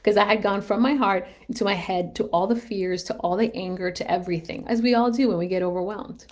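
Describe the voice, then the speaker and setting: A woman in her thirties tells a personal story on a live stream through a webcam mic. Her voice sits in a middle pitch, and she talks in a candid, self-reflective way. She rambles with restarts and laughs at herself. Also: fairly even intonation, a little fast, darkish tone.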